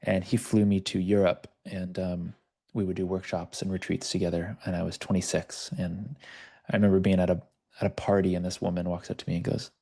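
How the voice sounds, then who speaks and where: Male life coach, low gravelly voice, relaxed storytelling delivery, video-call audio. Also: a little fast. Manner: conversational, storytelling. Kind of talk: online workshop teaching.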